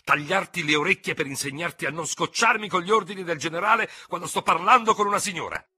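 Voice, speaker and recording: A man voicing a small, hot-tempered Gascon hussar lieutenant who shouts and hisses in fury. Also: medium pitch, lively intonation, brisk, breathy edge, pitched above the performer's own voice. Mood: angry. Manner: shouting, hissing, ranting. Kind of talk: audiobook character reading.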